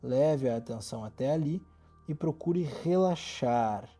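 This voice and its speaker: A man with a Brazilian accent guiding a yoga relaxation as an instructor, speaking in a calm, soothing and gently instructive manner. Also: medium pitch, unhurried, soft background music.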